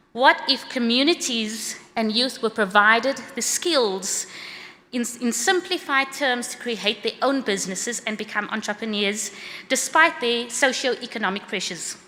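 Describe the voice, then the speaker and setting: A middle-aged South African woman giving a prepared conference talk about a course she created, in a brisk, earnest, slightly read-out manner. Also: a little high, bright, forceful tone. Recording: long hall reverb.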